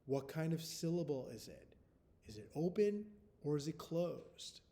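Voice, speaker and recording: A man teaching first graders, dictating a spelling test slowly and deliberately, repeating each word and sound and spelling letters out. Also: on the high side, sing-song, warm tone.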